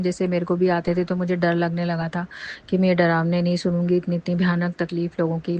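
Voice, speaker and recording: A middle-aged woman, a devotee, gives a long, earnest, rambling testimony of faith and gratitude. Her voice sits on the low side with a darkish tone.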